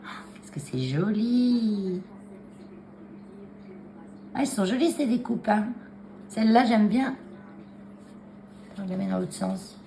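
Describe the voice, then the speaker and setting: This woman's mid-range voice is gravelly and dark yet lively in intonation, slow and frequently pausing. Showing handmade cards at her desk to a phone camera on a taped stand, she chats hesitantly with many fillers and restarts, clearing a frog in her throat over slight background noise.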